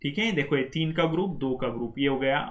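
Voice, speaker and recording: A man teaching a class, drilling numbers slowly and often checking that his students follow. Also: medium pitch, lively intonation. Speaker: language teacher. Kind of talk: classroom lecture.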